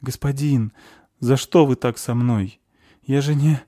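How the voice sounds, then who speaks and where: A distraught old goblin servant, frail and devoted, pleading with his master, as a man puts him on. The voice sits higher than the reader's own, over a warm, dry read. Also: unhurried, dry recording, lightly acted.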